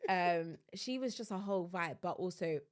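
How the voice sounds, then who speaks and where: A young adult woman co-hosting a podcast, telling a story in casual chat with lively animation and frequent laughter. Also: on the low side, moderate pace. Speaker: podcast co-host.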